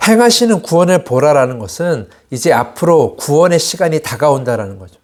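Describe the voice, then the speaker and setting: Male pastor delivering a sermon, higher-than-average voice, asks the congregation questions. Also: big pitch swings, a little fast, a little mellow. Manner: acts out quoted complaints in a raised voice.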